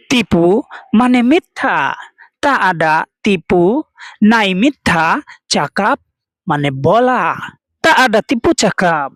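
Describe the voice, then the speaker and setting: A woman's voice: medium pitch, no room sound. A woman from Bangladesh, patiently teaching words and explaining each one in turn. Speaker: language teacher. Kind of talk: slow explanatory lesson.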